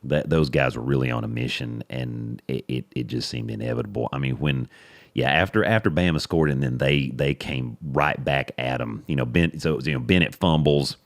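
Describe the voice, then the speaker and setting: A man's voice: extremely low pitch, normal speed, no room sound, clean studio sound. A man co-hosting a podcast in casual sports chat, rambling and repeating words as he finds his point. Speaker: podcast co-host.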